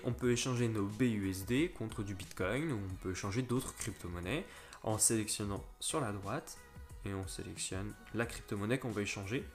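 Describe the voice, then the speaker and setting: Man walking through a phone app. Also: lowish voice. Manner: step-by-step, fillers and restarts, addresses viewers directly. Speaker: crypto tutorial host. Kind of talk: casual screen-recorded app tutorial.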